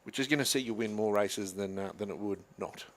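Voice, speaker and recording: A man with an Australian accent calling drag races from a commentary box, chatty and quick to laugh. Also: fairly low pitch, a little hiss or hum. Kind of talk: live race commentary.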